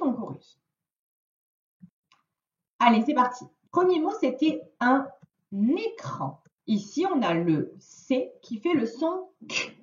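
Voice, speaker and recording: French lady teacher sounding out words real slow, lively up and down voice, dull echoey room. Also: a little high, far from the mic. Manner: slow, deliberate word-by-word dictation. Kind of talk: recorded reading and spelling lesson for a child.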